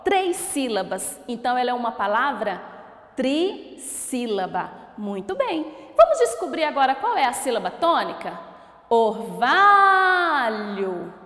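A Brazilian woman teacher giving a recorded lesson to children, slowly sounding out words syllable by syllable and asking encouraging questions. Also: high-pitched, sing-song. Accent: Brazilian Portuguese. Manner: slow, drawn-out syllable-by-syllable word pronunciation; encouraging, asks questions and praises. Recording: echoey room with long reverb.

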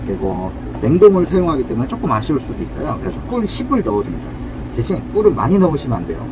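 A man's voice: mid-range voice, wildly swooping pitch, fast, background noise. A man demonstrating a cafe drink recipe at a counter, explaining each step in a friendly, polite way. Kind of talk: casual cooking demonstration.

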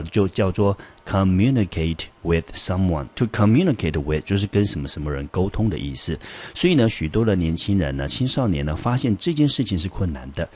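A middle-aged man with a Taiwanese Mandarin accent teaches English vocabulary methodically, repeating each term and reading the example sentences slowly. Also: low-pitched, a little mellow, slightly rough. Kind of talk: vocabulary lesson.

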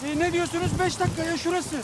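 A man's voice: very high voice, level tone, quick pace. An actor playing a worried, eager young man in a TV drama, insistently offering help. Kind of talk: TV drama acting. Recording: loud rain noise outdoors.

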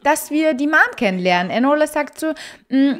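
A young woman giving bubbly, gushing let's play commentary, dropping to quiet asides. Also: high voice, animated, moderate pace. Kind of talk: casual game commentary.

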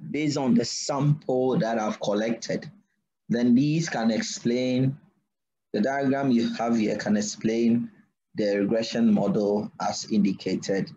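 A man lecturing a class at a deliberate pace, often pausing to ask "what?" so students can fill in the word. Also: mid-range voice, mellow. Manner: asks students to finish his sentences with "what?"; slow deliberate delivery. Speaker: university lecturer. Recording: dull lo-fi recording.

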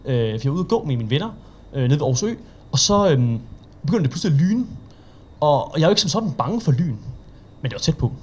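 A man's voice: on the high side, very animated, pauses often, darkish tone, breathy edge. A young man with a Danish accent performing a stand-up set at an open mic, telling stories in a chatty, self-mocking way and acting out the people in them. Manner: chatty, self-mocking storytelling with quoted voices. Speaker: stand-up comedian.

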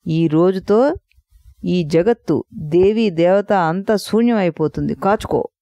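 A woman's voice: fairly low pitch, slow, warm tone, no room sound, muffled recording. A woman voicing an arrogant, raging male buffalo demon who boasts and taunts in a storybook telling. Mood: taunting.

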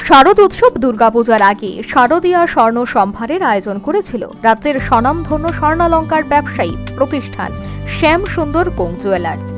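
A woman reading a scripted news report as a reporter. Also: high-pitched.

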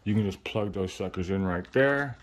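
A man's voice: sits low, normal speed, a little hiss or hum. A man giving a casual, informal step-by-step how-to, his speech slightly muffled by a face swollen after surgery. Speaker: RC hobbyist host. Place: indoor hobby workbench.

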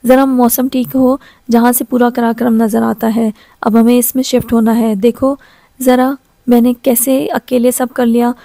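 A young woman stuck on a mountain, frightened and quick to snap, speaks in a fairly high but flat voice. The tone is mellow and dark. It is close and dry, the audio-novel figure voiced by a woman reader. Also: gravelly, no room sound. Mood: cheerful. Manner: snapping, exasperated.

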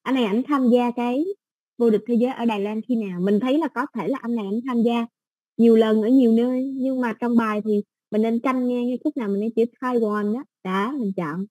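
Southern Vietnamese woman, English tutor, casual patient explainer, warm tone, dry sound. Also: fairly high pitch, steady tone, fairly quick, no room sound. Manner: patient, explains step by step with soft fillers. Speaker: English teacher. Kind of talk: casual exam-prep lesson.

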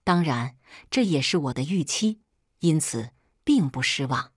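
A woman's voice: sits low, expressive, measured pace, no room sound, studio quality. A woman narrating a dramatic first-person story, cold and taunting in the quoted lines.

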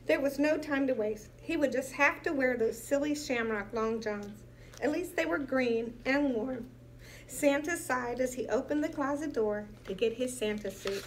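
A woman reading a children's picture book aloud in a lively, expressive way with playful emphasis. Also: high voice, moderate pace, slight background noise. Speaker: storyteller.

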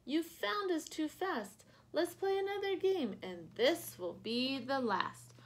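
Five Little Monkeys, squealing high, as a woman puts them on. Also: lively intonation, slow, heavily acted. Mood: excited. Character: mischievous little monkeys, a playful group.

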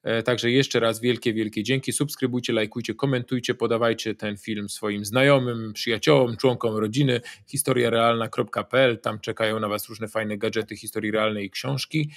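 A man's voice: lowish voice, fairly even intonation, normal speed, few pauses. A man hosting an interview show, putting listener questions to his guest and closing with a polite, formal sign-off to the audience. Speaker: host.

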